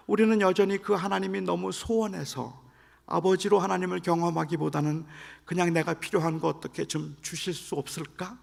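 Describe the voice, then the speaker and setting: Gravelly middle-aged male pastor, reverberant church. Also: sits high. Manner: storytelling, rising to shouted emotion when quoting himself. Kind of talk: revival sermon with personal story. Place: large church sanctuary. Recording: long hall reverb.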